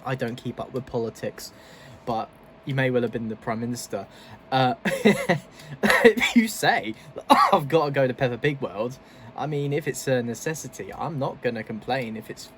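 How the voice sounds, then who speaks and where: A man's voice: mid-range voice, slight background noise. A man hosting a casual reaction video, chatty and loose, laughing often between asides. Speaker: video host.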